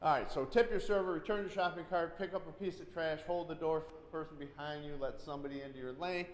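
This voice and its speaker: A man's voice: on the high side, fairly even intonation, quick pace. Emphatic man trainer in an echoey hall. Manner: storytelling, acts out quotes, loud emphatic bursts. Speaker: safety trainer. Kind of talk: safety class talk. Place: church hall. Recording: echoey hall, long reverb.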